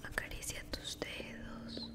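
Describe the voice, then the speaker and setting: A woman whispers through an ASMR role-play, slowly guiding the listener with soothing encouragement. Her wording is affectionate and caring, full of tender diminutives.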